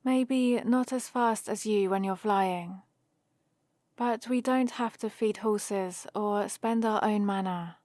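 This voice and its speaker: In a clean studio recording with no echo, a woman with a natural, medium-pitched, slightly mellow voice speaks slowly. She plays a friendly, teasing human heroine in an ASMR roleplay, rambling casually and patiently as she explains things to the listener in a playful, one-sided conversation.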